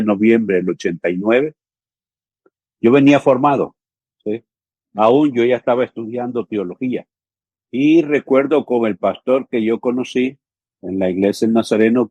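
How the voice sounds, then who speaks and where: A man's voice: medium pitch, dark tone, dry recording, dull audio. A man in his fifties from El Salvador, a pastor talking earnestly in an interview and often checking in with little fillers. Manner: earnest, with frequent fillers like "¿sí?" and "ujú". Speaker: pastor and theological education coordinator. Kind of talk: conversational interview.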